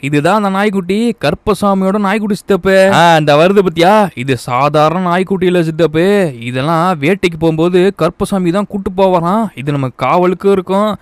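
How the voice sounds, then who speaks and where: High, smooth-voiced game host. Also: male voice, a little fast, no room sound. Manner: lively, addresses viewers, reads out names. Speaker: gaming video host. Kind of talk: game roleplay with viewer shout-outs.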